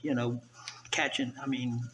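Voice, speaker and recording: A man's voice: medium pitch, unhurried, a little hiss or hum, rough recording. An older man from the South, chatting casually as he fillets fish at a tiled kitchen counter, recorded on the camera mic. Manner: relaxed, chatty, thinking aloud while filleting fish. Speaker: vlogger. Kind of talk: casual how-to narration.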